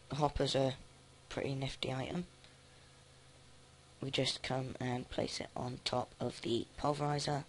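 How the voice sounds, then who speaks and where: Man, casual game commentary, monotone, gravelly, halting and thinking aloud. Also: mid-range voice, slight background noise. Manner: flat, halting, thinks aloud with many restarts. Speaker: let's play host.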